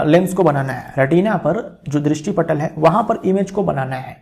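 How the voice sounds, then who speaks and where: Man, exam-prep lecturer; high, gravelly voice; quizzes himself, repeats. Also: a little mellow. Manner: repeats key terms, asks and answers his own questions. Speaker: teacher.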